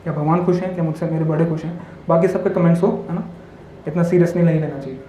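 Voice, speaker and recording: A fairly high-pitched man with a dark, mellow tone, giving a spiritual talk to a hall audience. He tells simple parables and keeps asking his listeners tag questions. The sound is roomy and echoey, with faint ambience behind him. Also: slight background noise. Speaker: monk speaker.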